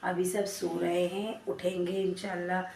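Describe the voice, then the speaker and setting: A woman's voice: lowish voice, little pitch movement, measured pace, gravelly, darkish tone, far from the mic. Chatty woman vlogging from an echoey kitchen. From Pakistan. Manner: chatty, pious, talks to viewers while cooking. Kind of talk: casual home vlog narration. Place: home kitchen at night.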